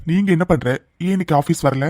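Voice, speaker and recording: A woman's voice: low-pitched, quick pace, dark tone, pitched below the performer's own voice, close to an everyday voice. A woman voicing a stern young man who is an office boss, curt and firm.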